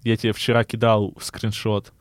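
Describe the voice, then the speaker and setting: A man co-hosting a casual podcast, with a burred R and a slight lisp, speaking haltingly and often interrupting himself. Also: lowish voice, monotone, no room sound. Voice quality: burred R (rhotacism). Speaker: podcast co-host.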